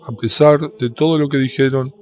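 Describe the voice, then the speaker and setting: A man reads scripture slowly and solemnly, letting the ends of phrases lift into a sung lilt. His voice is dark and mellow. The recording is dull and lo-fi, with a faint hiss underneath. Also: medium pitch, steady tone. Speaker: Bible reader. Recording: dull, lo-fi with faint background noise.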